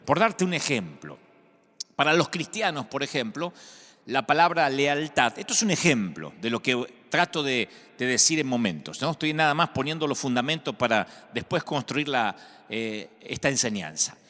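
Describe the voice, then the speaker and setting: A man's voice: medium pitch, very animated, normal speed, sharp tone. A man with an Argentine accent, a pastor preaching a sermon with conversational storytelling and humor. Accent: Argentine Spanish. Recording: echoey hall sound.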